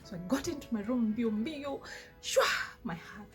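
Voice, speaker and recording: Animated Kenyan woman telling a story. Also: on the high side, normal speed, soft background music. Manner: animated, laughs often, mixes in Swahili. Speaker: vlogger, flight attendant. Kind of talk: casual storytelling.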